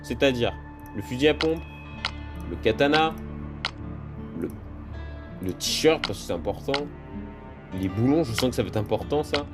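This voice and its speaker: Excitable French-speaking gamer man. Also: mid-range voice, moderate pace, long pauses. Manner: jokey, excitable, talks to viewers and game characters. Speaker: gaming video host. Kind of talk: casual let's-play commentary. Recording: loud game music behind.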